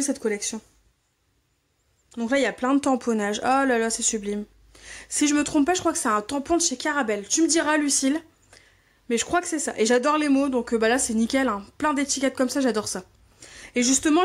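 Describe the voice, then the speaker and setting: High-voiced, gushing French-speaking woman. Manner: gushing, enthusiastic, repeats her delight. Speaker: scrapbooking channel host. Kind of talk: casual unboxing chat.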